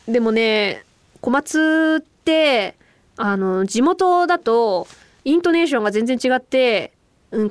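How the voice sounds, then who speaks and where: A woman radio host with a slight Kansai-leaning lilt chats in a casual podcast. Her voice sits high and swoops widely as she talks animatedly and laughs easily. The studio sound is dry and close. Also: dry recording. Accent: slightly Kansai-leaning Japanese. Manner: animated, chatty, laughs often. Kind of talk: casual podcast chat, reading listener mail.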